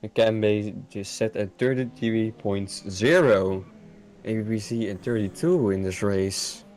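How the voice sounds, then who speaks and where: Slow-talking Dutch male co-commentator. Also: fairly low pitch, steady tone, a little mellow. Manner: slow, searches for English words, many fillers. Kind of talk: live race commentary.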